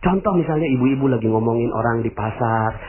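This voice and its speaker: A man giving a motivational religious radio talk, speaking to his listeners directly and acting out the people he quotes in a higher voice. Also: fairly quick, crowd noise. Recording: tinny phone-like radio broadcast.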